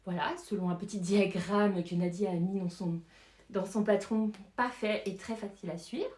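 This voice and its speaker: Woman vlogger, casual and hesitant, mid-pitched voice, roomy echo. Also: fairly even intonation, normal speed, a little mellow. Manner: chatty, hesitant, many fillers and little laughs. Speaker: knitting vlogger. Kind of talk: casual knitting pattern review.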